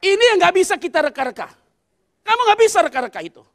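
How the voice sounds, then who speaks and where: Man, very high voice, pastor, storytelling sermon, congregation call-and-response. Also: very animated, fast, a bit bright, some chatter behind.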